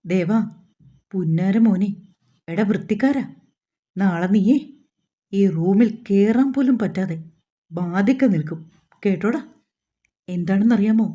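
A woman reading the part of a hot-tempered young man who curses and shouts. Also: mid-range voice, measured pace, long pauses, muffled recording, close to an everyday voice. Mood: angry.

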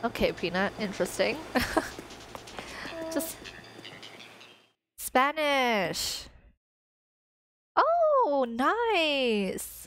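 Playing a life-sim game on stream from her bedroom, a young Tagalog-speaking woman in her twenties talks on a headset in a high, very animated, slightly bright voice, drawing out words and pausing often. Her chat rambles with fillers, game music plays behind, and there is slight background noise.

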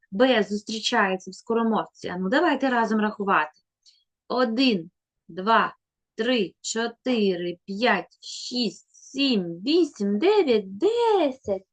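A woman leads a children's reading lesson, with a slightly high voice that swoops up and down in a lively, sing-song way. She speaks slowly and encouragingly, over-articulating each letter sound for small listeners. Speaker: teacher.

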